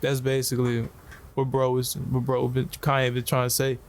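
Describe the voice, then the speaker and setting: A man's voice: mid-range voice, completely flat delivery, moderate pace. A man co-hosting a casual chat, circling back and repeating himself as he explains. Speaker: podcast co-host.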